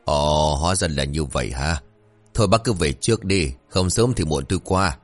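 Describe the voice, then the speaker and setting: Man doing a gruff crafty old shaman. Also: rumbling low, moderate pace, faint music behind. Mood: wry. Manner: gruff, scolding. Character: crafty old village shaman, crude and bossy.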